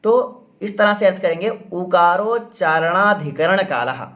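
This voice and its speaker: A man teaching Sanskrit grammar, repeating each term slowly and asking and answering his own questions. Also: high-pitched, expressive, fairly bright tone, dull audio. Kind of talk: explanatory grammar lesson.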